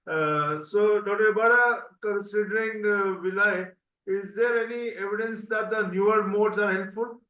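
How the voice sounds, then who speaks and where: Man moderator on a bad video-call connection, dull and lo-fi audio, halting. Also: high-pitched. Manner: halting, many fillers. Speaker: webinar moderator. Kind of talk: hosting an online medical Q&A. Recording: roomy, distant, dull online call audio.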